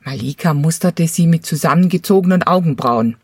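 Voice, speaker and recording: A woman reading a children's storybook aloud in a calm, even storytelling manner. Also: deep voice, a little fast, slightly rough, no echo. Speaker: narrator.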